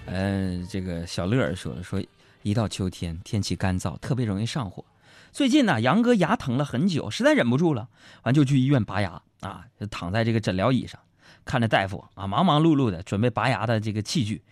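Chatty comic host. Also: male voice, lowish voice, animated, dry recording. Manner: chatty, drawn-out fillers. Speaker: host reading listener jokes. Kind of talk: comic joke reading.

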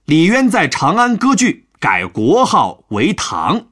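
A man's voice: sits high, huge pitch swings, slow, fairly bright tone. A man telling a history lesson as a chatty, playful story. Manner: chatty, playful, with sentence-final particles.

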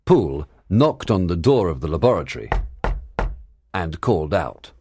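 A man narrating a classic story as a learner audiobook, in clear, measured storytelling. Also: sits low, sing-song, music in the background.

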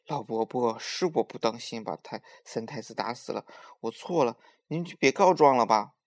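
A man voices a bold, hot-tempered young boy hero in a children's story, speaking defiantly and brashly at normal speed. His medium-pitched voice has lively intonation, and the mood is pleading.

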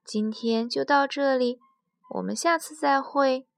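Lady reading a kids story, high voice, slow and gentle, dry close sound. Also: gravelly, no room sound, soft background music. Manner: gentle, drawn-out, expressive reading. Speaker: children's storyteller. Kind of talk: children's bedtime story reading.

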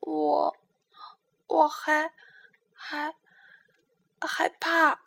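A woman's voice: sits high, extremely slow, a bit bright, heavily acted. A woman voicing a timid, furry little monster boy with fangs in a bedtime storybook, speaking shyly and hesitantly with stammers.

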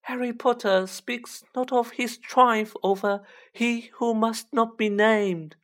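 A woman voicing a small male house-elf for a fantasy audiobook, a squeaky, humble, anxiously devoted servant who pleads with drawn-out emphasis. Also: fairly even intonation. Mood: reverent. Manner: pleading, drawn-out, emphatic delivery in third person. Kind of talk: children's fantasy audiobook character voice.

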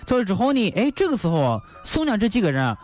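Animated joking male storyteller. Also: high-pitched, rapid-fire, soft background music. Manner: animated, jokey, lots of interjections. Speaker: co-host. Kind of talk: comic storytelling chat.

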